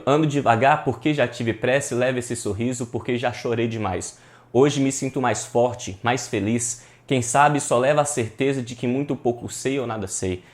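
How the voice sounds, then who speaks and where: Male teacher, online exam-prep class, slangy and energetic, shouts for emphasis. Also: medium pitch. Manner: lively, slangy, addresses students as "galera"; bursts into loud emphatic shouts when stressing syllables.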